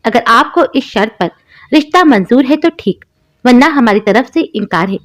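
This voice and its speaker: A woman's voice: on the high side, lively intonation, normal speed, close to an everyday voice. Woman playing a stern mother-in-law, blunt, demanding, cartoon story voice. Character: stern prospective mother-in-law setting hard terms.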